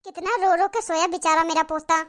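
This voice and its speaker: Cartoon role: harsh older mother-in-law, very high and shrill, scolding and taunting. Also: steady tone, brisk, fairly bright tone, soft background music. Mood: fond. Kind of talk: cartoon voice acting.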